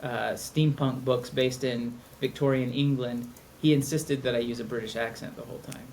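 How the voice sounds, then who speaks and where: A man's voice: mid-range voice, fairly even intonation, moderate pace, darkish tone, a little hiss or hum. Chatty self-mocking man co-hosting. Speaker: podcast co-host. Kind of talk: casual chat.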